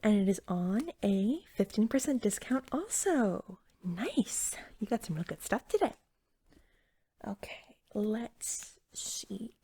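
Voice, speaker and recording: In an ASMR roleplay, a woman plays an eager, friendly cashier at a magical pet store, sounding young, with a mid-range, soft voice carrying a creaky edge. Heavily acted, she drifts between gentle speech and whispering, rambling helpfully and eagerly as she serves a customer.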